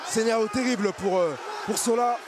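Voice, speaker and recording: A man analyses a live fight as co-commentator, his voice a little high. He builds his sentences in halting pieces. A loud arena crowd is behind him. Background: noisy sports arena crowd.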